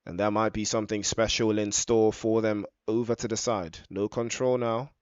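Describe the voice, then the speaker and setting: Man commentating football, drawn-out excited goal shouts. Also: fairly low pitch, smooth, no echo, lo-fi sound. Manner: drawn-out excited shouts on goals and big chances. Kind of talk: live match commentary.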